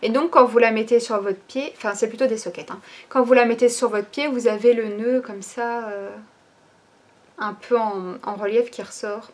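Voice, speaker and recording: Her voice on the high side and her tone steady, a woman goes over new products from her online shop at a normal speed. She chats informally, hesitating often and dropping fillers like "ben" and "euh."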